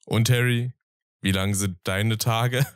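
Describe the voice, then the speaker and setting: A man's voice: on the low side, expressive, normal speed, dry recording, clean studio sound, close to an everyday voice. A man voicing a joking, teasing young wizard in a fan audio drama. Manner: teasing, laughing, sulky.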